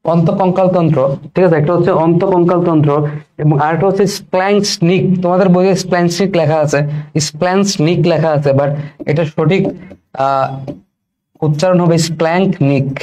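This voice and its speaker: Mellow-voiced teacher, checking understanding. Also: male voice, a little high, low-quality recording. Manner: repeats key terms and keeps asking "okay?". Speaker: biology teacher. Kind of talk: recorded exam-prep lesson.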